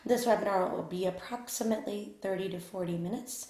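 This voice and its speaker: A woman's voice: medium pitch, fairly quick, dark tone. Woman hosting a webinar, roomy sound. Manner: polite, formal, with frequent fillers. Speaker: webinar host. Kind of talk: webinar introduction.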